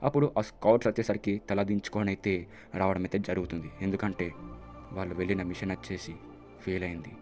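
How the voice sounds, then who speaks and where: A man's voice: sits low, fairly even intonation, quick pace, a little mellow, soft background music. A man telling an anime episode's story in a chatty way, acting out the characters' lines as he goes. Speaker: YouTube channel host. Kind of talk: casual anime episode recap.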